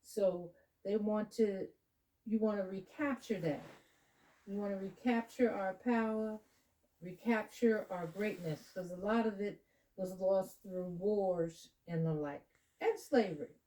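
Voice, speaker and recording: A woman leading children in a home lesson, coaching them patiently with slow, drawn-out explanations. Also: medium pitch, dark tone, far from the mic, low-quality recording. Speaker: adult leading children in a candle lighting. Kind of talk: home teaching talk. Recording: voice from away from the mic.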